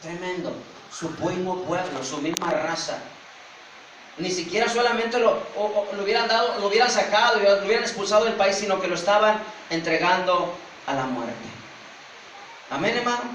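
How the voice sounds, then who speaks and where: A male pastor preaching a dramatic sermon, swinging from loud calls to hushed asides. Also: high-pitched, moderate pace. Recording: very echoey, from a distant mic, faint noise.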